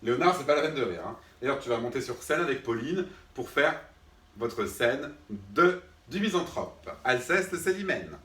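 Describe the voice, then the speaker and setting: A man's voice: medium pitch, animated, normal speed, sharp tone. Man playing a drama teacher, exasperated, checks "d'accord?" often, echoey room, distant mic. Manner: patient then irritated, keeps checking with "d'accord?". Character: exasperated male drama teacher scolding unseen students. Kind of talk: comic one-man sketch. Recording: roomy sound, mic far off.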